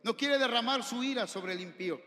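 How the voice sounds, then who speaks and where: A male pastor with a Mexican accent preaching a sermon in a church hall, impassioned, rising to shouts and asking the congregation questions. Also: very high-pitched, fairly quick. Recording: echoey hall with long reverb, faint music.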